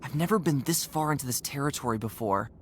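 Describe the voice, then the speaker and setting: A woman's voice: a bass voice, animated, fast, noisy background. A woman voicing a young adventurer heroine in a game, talking to herself with wry asides. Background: game music.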